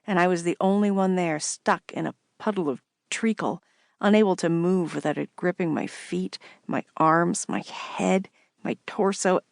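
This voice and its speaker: A woman reading a first-person novel aloud in a measured, wry way. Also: lowish voice, gravelly, dry recording, clean studio sound. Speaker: audiobook narrator.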